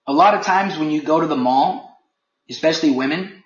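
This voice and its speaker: A man's voice: a little high, brisk. A man leading a company webinar, speaking firmly and with emphasis, a little heated. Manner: firm and emphatic, lightly heated. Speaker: company leader presenting a webinar. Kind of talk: webinar briefing. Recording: echoey, dull lo-fi webinar audio.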